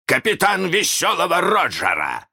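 A man's voice: high voice, huge pitch swings, a little slow, vocal fry, breathy edge, pitched above the performer's own voice, exaggerated voice. A man voicing a cheeky boy who mimics a pirate captain's voice in a storybook reading, bold and mocking. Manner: mocking, bold, shouting back.

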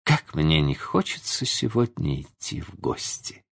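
A man voicing a gentle, anxious young mother in a storybook reading, soft and pleading. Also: a bass voice, big pitch swings, measured pace, vocal fry, slightly rough, exaggerated voice. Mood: tender.

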